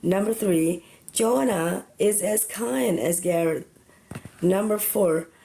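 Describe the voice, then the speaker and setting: A young Indonesian-accented woman talks through a grammar lesson very slowly, spelling out each example. Her voice is soft and mellow. She stretches key words out syllable by syllable. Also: medium pitch, poor audio. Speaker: English teacher. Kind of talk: slow step-by-step grammar lesson.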